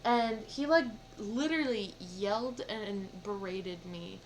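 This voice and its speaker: A young woman streamer telling a personal story in casual chat, rambling with lots of "like" fillers and animated feeling. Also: medium pitch, unhurried, a little hiss or hum, poor audio. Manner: rambling, heavy use of "like" fillers; animated, emotional retelling.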